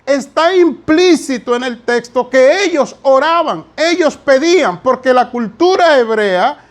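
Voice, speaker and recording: A man's voice: extremely high pitch, lively intonation, unhurried. A male pastor preaching a sermon, emphatic and repetitive, often telling the congregation to listen well.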